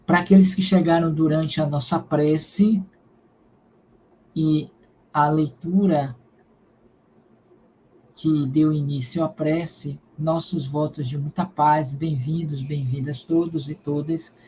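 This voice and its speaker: A man from Salvador, Bahia, giving a spiritist lecture and leading a prayer in a slow, solemn, measured way. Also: on the high side, fairly even intonation, warm tone, husky, low-quality recording. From Salvador, Bahia, Brazil. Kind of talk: devotional lecture and prayer in a live stream.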